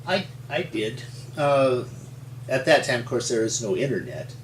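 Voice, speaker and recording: With a mid-range, expressive voice and an unhurried pace, a resident paleontologist from Montana chuckles his way through folksy, rambling interview stories. Recorded in an echoey room from a distance, with slight background noise.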